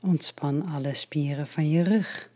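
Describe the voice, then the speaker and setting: A woman leading a guided relaxation, her voice low and mellow. She talks slowly and softly, sometimes dropping to a whisper. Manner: slow, soft and soothing, partly whispered.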